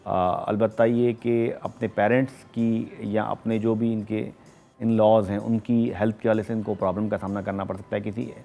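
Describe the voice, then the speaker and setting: A middle-aged man with a Pakistani Urdu accent, an astrologer reading horoscopes on a studio talk show, explaining things in a measured way with frequent hesitations. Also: fairly low pitch, little pitch movement, vocal fry, dark tone.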